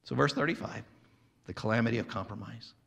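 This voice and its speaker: A man preaching an animated sermon as pastor, swinging from loud to quiet and acting out crowd voices. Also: lowish voice, fast talker, gravelly.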